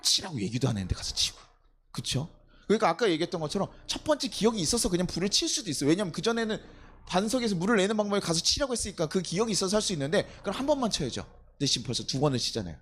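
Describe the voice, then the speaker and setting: 활기차게 설교하는 남자 목사. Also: male voice, high-pitched, very animated, very fast, a bit bright, a little hiss or hum. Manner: conversational preaching, asking the congregation questions and acting out quotes. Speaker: pastor. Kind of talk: sermon at a night worship service.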